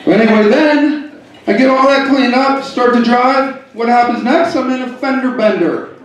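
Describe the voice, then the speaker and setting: A man from the Pittsburgh area doing a stand-up comedy set in a hotel comedy club, delivering deadpan punchlines with quick asides. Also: very high-pitched, slight background noise. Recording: echoey club heard from far off.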